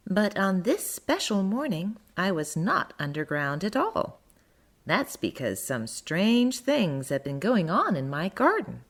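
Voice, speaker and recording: With heavy acting and a slow pace, a woman in a medium-pitched voice brings to life a friendly, curious little garden mole. It tells a children's storybook tale in first person, expressive and sing-song, full of earnest wonder.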